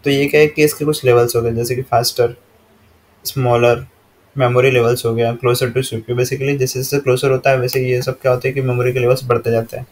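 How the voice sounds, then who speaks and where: Flat-voiced Indian man teaching. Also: medium pitch, slight background noise. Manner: steady monotone, reads English slide lines slowly then explains. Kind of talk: explaining slides in a lesson.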